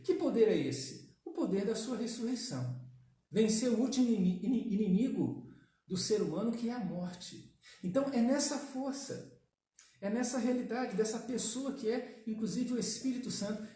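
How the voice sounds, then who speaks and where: A man's voice: extremely high pitch, dark tone. A man preaching a sermon as pastor, stressing points emphatically, asking rhetorical questions and often adding a questioning "right?". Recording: echoey church from far off.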